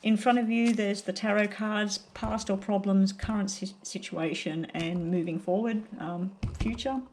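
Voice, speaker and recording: A woman giving a casual, unhurried tarot card reading while suffering from a very sore throat. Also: medium pitch, steady tone, a little mellow, slight background noise. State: very sore throat, may choke up.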